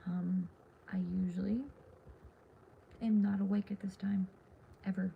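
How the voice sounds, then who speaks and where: Late at night in her dark bedroom, a teenage girl livestreams in a tired, hushed half-whisper, rambling with lots of fillers as her voice gives out. Her mid-range voice is flat and measured, with vocal fry. The casual chat comes through as dull lo-fi phone audio with a faint hiss.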